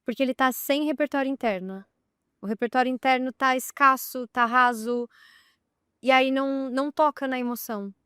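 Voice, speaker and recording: A woman's voice: sits high, normal speed, a bit bright, clean tone, no room sound, clean studio sound. A woman from Brazil hosting an interview, reflective and drawing the guest out with questions. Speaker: host, therapist. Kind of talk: interview conversation.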